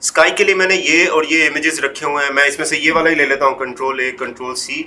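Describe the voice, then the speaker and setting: Man calmly explaining a Photoshop tutorial. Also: fairly high pitch, slight background noise. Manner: unhurried step-by-step explaining, trailing off quietly; mixes English words into Hindi. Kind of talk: screen-recorded software tutorial.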